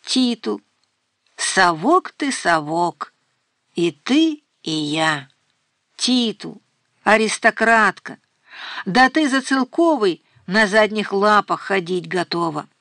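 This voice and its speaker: An exasperated middle-aged mother shouts and scolds in a tense, raised voice, as a woman narrator puts her on. Her lines come fast and sharp. The audiobook sound is dry and close. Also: medium pitch, lively intonation, no echo. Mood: frantic.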